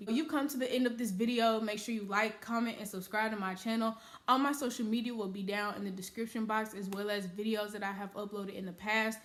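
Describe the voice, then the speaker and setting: A woman in her early twenties talking casually to her viewers in a vlog, saying "like" often. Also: medium pitch. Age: early 20s. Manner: chatty, uses "y'all" and "like" often. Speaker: YouTuber.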